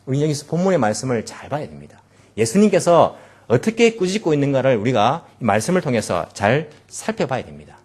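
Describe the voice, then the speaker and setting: A man's voice: medium pitch, big pitch swings, brisk, darkish tone. A male pastor preaching a sermon, asking the congregation rhetorical questions and retelling the story dramatically.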